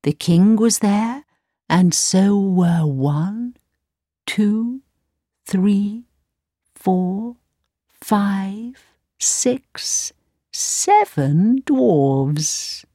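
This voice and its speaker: A calm magic mirror from a storybook that speaks plain truths in a soft, half-whispered voice, put on by a woman reading aloud. It speaks very slowly, and the sound is close and dry. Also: medium pitch, no echo. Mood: matter-of-fact.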